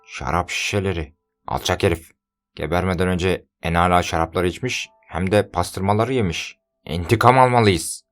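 A man's voice: low voice, moderate pace, faint music behind, close to an everyday voice. A man putting on a cowardly servant, a raised, whiny voice that grumbles with spite. He is foolish and vengeful, a storybook character read aloud. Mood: spiteful.

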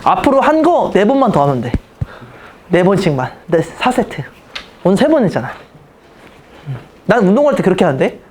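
Thirties math teacher, lively pitch, blunt teasing classroom banter, faint background noise. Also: brisk, pauses often. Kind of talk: casual classroom lecture.

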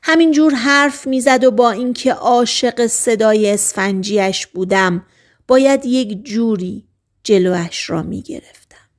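A woman narrating a novel as an audiobook, in a soft, hushed, often half-whispered voice with slow, deliberate phrasing. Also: a little high.

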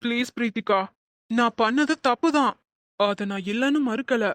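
A woman voicing a remorseful young husband in an animated cartoon, talking in an earnest, pleading way. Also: fairly high pitch, moderate pace, dry recording, lightly acted.

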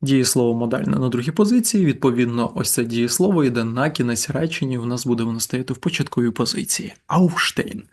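A man teaching a German grammar lesson over slides, explaining patiently and repeating examples slowly. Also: mid-range voice, animated.

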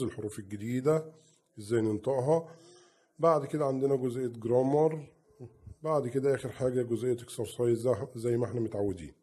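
Dark husky Egyptian teacher drilling sounds. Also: male voice, medium pitch. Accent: Egyptian Arabic. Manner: slow, repeats each word twice as a drill. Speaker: English teacher. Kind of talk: recorded phonics lesson.

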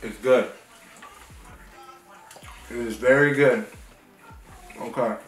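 A man's voice: mid-range voice, slow pace, a bit bright. A man with a mouth full of food, chatting in a casual, joking way as a couple vlogger at home. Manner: laid-back, joking. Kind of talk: casual chat. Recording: roomy, distant from mic, faint music.

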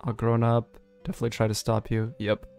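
Faint music plays behind a young man's gravelly, mid-range voice as he talks fairly quickly. In this casual let's play commentary he's animated and joking, reading the game's lines aloud while chatting.

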